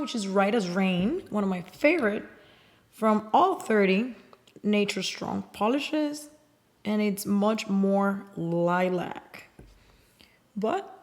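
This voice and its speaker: A woman casually chatting as she swatches and compares nail polishes, swearing now and then and sometimes dropping to a whisper. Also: mid-range voice. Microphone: close mic.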